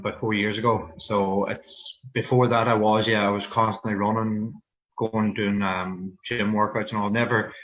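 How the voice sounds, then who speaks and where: A man with a Donegal Irish accent, speaking candidly and haltingly as a guest in a casual interview. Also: on the low side. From Donegal, Ireland. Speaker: interview guest, fitness programme client. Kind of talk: casual personal interview on a livestream. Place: online video meeting. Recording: muffled, lo-fi video call audio.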